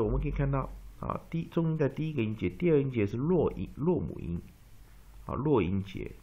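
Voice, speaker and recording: A man teaching an English pronunciation lesson. He repeats words slowly for drilling and mixes English terms into his Chinese. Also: medium pitch, vocal fry. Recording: dull lo-fi recording.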